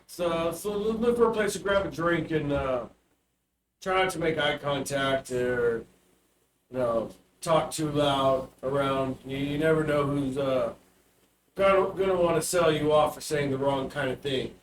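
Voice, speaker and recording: A man playing a tabletop game, talking casually and half in character, in a hesitant, halting way. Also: a little high. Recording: echoey, distant mic with clear noise.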